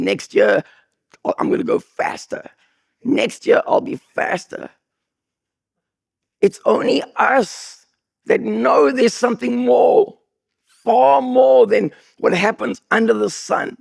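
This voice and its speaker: A man preaching a sermon as pastor, with an accent, telling humorous stories with sudden high bursts of emphasis. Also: no echo, studio quality. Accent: non-local accent. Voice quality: gravelly, husky voice. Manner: animated, jokey storytelling with sudden high bursts.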